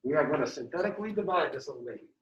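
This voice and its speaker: A man's voice: fairly high pitch, lively intonation, racing, a bit bright. A male math teacher giving a classroom lecture, upbeat and walking students through each step. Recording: dull echoey room sound from far off.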